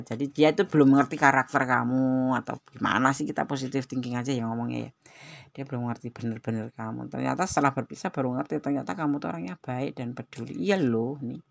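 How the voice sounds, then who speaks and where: A woman reads tarot cards for her viewers, speaking with a light tinge. Her voice sits very low and carries a gravelly, fry-edged texture. She talks in a chatty, exclamatory way, often breaking into pious interjections. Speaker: tarot reader. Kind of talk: tarot card reading addressed to viewers.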